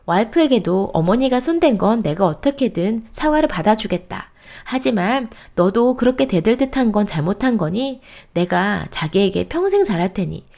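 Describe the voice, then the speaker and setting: A woman reads a reader's submitted post aloud as a storytelling host. Her voice sits fairly high, and her pitch rises and falls in a lively way. She keeps an expressive, steady reading cadence.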